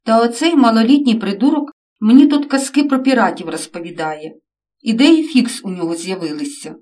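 A woman doing a furious shouting father. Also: medium pitch, very animated, moderate pace, recorded from a distance. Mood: angry. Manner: loud, scolding. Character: angry middle-aged father, shouting and scornful.

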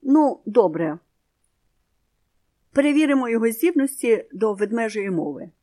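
A woman voicing a stern, impatient bear who runs a forest school in a children's story, speaking curtly and loudly. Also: fairly high pitch, expressive, moderate pace, voice pushed up, lightly acted.

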